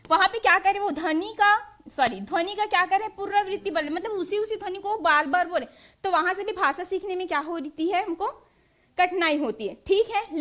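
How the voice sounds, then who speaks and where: Woman teacher, very high voice, exam-prep lesson, asks and answers her own questions. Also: a bit bright. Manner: drills students with quiz-style questions, then answers them.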